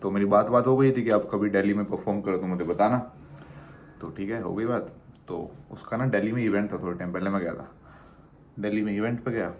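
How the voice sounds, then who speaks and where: A man's voice: fairly low pitch, fairly quick, a little hiss or hum. Chatty young man vlogging to camera. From India. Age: 20s. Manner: animated, chatty, teasing the viewer as "bhai". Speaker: travel vlogger. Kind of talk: casual chat to camera.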